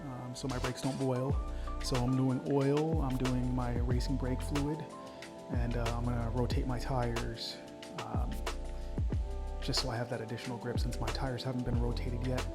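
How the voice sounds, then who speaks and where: A man's voice: mid-range voice, flat delivery, normal speed, over loud music. A man talking casually as a car vlogger, in an easygoing way, thinking aloud as he goes. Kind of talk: casual vlog chat.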